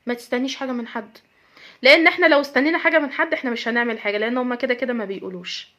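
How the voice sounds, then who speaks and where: Emphatic Egyptian woman giving fast advice. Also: on the high side, fairly bright tone. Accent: Egyptian Arabic. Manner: earnest, emphatic, lecturing with repeated phrases. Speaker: host giving advice to women. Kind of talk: direct-address advice talk.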